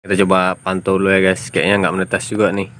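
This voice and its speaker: A man casually narrating for viewers as he checks a bird's nest, speaking low-key and calling the audience "bos" and "guys". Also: monotone, fast talker, heavy background noise. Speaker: bird-keeping vlogger.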